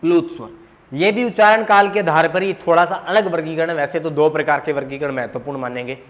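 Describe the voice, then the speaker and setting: A man's voice: fairly high pitch, fairly even intonation, fast talker. A man teaching a grammar lesson at a whiteboard, asking questions and answering them himself, repeating the key terms.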